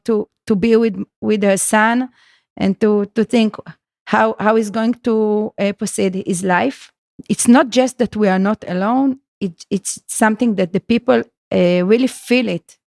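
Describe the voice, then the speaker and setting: A woman guest with a gravelly, creaky edge to her voice. She speaks haltingly, groping for words and starting her sentences over. The recording is dry and close. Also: mid-range voice, fairly even intonation, darkish tone, dry recording. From Israel. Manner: halting, searches for words, many restarts. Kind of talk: conversational podcast interview.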